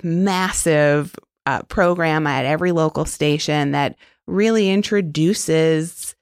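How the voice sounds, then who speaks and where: Earnest woman guest; low-set, resonant voice with some fry; warm enthusiasm, casual fillers. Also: slow pace, no room sound, clean studio sound. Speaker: interview guest. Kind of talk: conversational interview answers.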